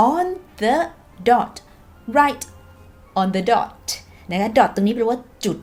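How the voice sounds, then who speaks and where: A woman's voice: medium pitch, darkish tone. A woman with a Thai accent, a native Thai speaker, teaching English phrases in a chatty, playful video lesson and acting out sample dialogues.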